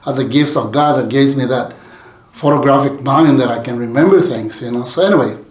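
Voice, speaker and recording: A man from Mexico, a community leader, tells his life story at an easy, wandering pace, full of restarts and fillers. His voice sits in a middle pitch. The sound bounces around a roomy, echoey space. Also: fairly quick. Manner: rambling, warm storytelling with frequent restarts and fillers. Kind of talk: casual interview storytelling.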